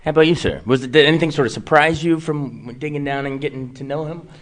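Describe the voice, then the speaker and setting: A man's voice: on the high side, quick pace. A man hosting an interview, asking friendly questions full of "sort of" hedges. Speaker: entertainment reporter, podcast host.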